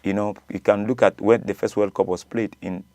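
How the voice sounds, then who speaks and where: A Nigerian man with a low voice argues in a relaxed studio chat. He repeats himself for emphasis and laughs often. The sound is dry and close. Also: brisk, dry recording. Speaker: coach and show guest. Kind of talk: casual debate.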